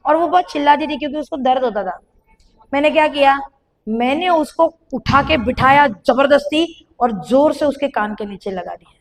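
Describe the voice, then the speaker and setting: A young woman giving a sermon testimony to a congregation, telling her story with animated storytelling that rises to emphatic calls. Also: fairly high pitch.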